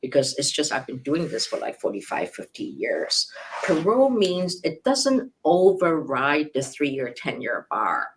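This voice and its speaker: A woman's voice: low voice, huge pitch swings, a little slow, a little hiss or hum, low-quality recording. Older woman lawyer explaining step by step. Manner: explains step by step with numbered points and worked examples; frequent restarts and self-corrections. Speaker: immigration lawyer. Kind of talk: live question-and-answer explanation.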